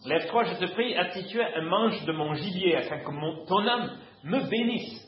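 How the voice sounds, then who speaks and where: A man's voice: sits high, expressive, moderate pace, slight background noise. A man reading aloud, voicing an anxious younger son who deceives his father, speaking in a hesitant, careful way. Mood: pretending. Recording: roomy, dull lo-fi recording.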